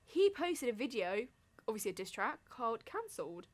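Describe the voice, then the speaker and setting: A woman's voice: a little high, sing-song, normal speed. Young woman, chatty podcast host. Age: young adult. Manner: gossipy, indignant commentary, reads from an article. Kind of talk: casual chat.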